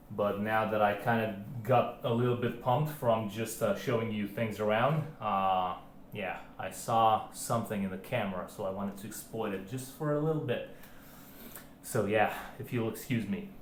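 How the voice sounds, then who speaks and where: A man vlogging casually about his home arm workout, rambling with many fillers and restarts. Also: on the low side. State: out of breath. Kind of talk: casual filmed chat. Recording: roomy home recording, faint background hiss.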